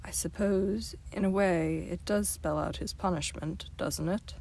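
A stern bearded baron, as a woman reader puts him on, his voice pitched low and deliberate. He speaks slowly, sometimes dropping to a near-hush, in an audiobook reading. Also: fairly even intonation, vocal fry. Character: stern bearded middle-aged male baron. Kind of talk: audiobook character voice.

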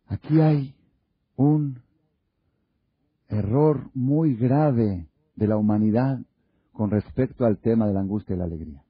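Male religious lecturer, husky, rhetorical questions, muffled dry lo-fi sound. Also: mid-range voice, unhurried, pauses often, dry recording. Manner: asks many rhetorical questions; acts out little dialogues. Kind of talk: Torah lecture to an audience. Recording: dull lo-fi recording.

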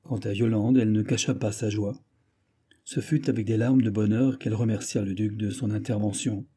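A man narrating a short story for an audiobook in a measured, even storytelling manner with a husky voice. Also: on the low side. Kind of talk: scripted narration.

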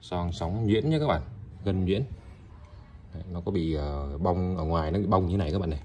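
With a deep voice and a moderate pace over a noisy background, a man sells used Japanese rice cookers online. In this casual, chatty showcase he often repeats himself and talks straight to viewers. He's in an indoor room with a tiled floor, the products laid out on it.

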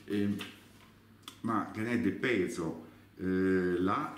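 A man giving a slow dialect lesson, reading out example words one by one. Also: low-pitched, a little hiss or hum. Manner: deliberate, spells out examples word by word. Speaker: dialect teacher. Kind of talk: slow spoken lesson, reading out word lists. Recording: echoey room, voice from a distance.

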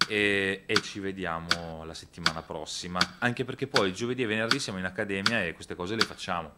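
Heavy background noise, mostly loud electric guitar, surrounds a low, slightly fast male voice. The speaker is a guitar teacher in his thirties, casually walking through a lesson while he counts beats and sings rhythms out loud.

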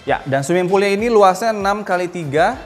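A man presenting a house on a walking tour, relaxed, friendly and chatty. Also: high voice, fairly quick, faint music behind. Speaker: real estate house tour host.

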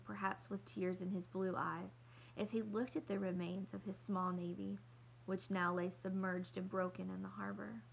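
A woman teacher reading a novel aloud to students, pausing to explain words and ask for predictions. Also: mid-range voice, creaky, a little hiss or hum, rough recording.

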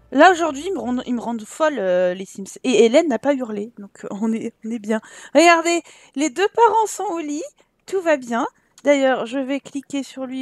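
A woman from France with a high voice gives casual let's-play commentary. She sounds exasperated, scolds the characters in her game and laughs often. Her voice is close and dry, with no room sound. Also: dry recording. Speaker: gaming YouTuber.

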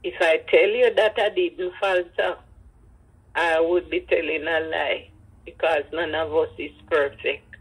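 In a rough recording, an older Jamaican woman shares her personal history in patois, acting out what people said. Her voice is deep and husky, her tone steady, and her pace measured.

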